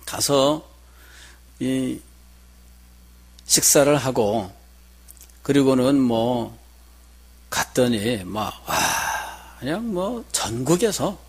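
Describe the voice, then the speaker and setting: A middle-aged pastor with a medium-pitched, slightly breathy voice delivers a sermon. He tells a personal story conversationally and poses questions to the congregation.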